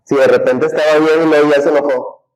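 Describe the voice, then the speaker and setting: A man's voice: on the high side, steady tone, fast, darkish tone, low-quality recording. A man teaching a humanities class, talking conversationally and putting questions to the students. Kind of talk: classroom lecture.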